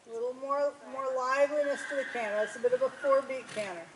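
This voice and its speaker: A woman with a high voice teaches riding in short, brisk commands projected across the arena. She drops in quick encouragement between instructions. Faint background noise with horse sounds sits behind her. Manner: encouraging, interjecting short praise.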